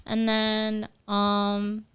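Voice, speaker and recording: A woman's voice: mid-range voice, completely flat delivery, very slow, a bit bright, clean tone. A woman talking as a podcast guest in casual chat, rambling with lots of fillers. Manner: chatty, many fillers like "like".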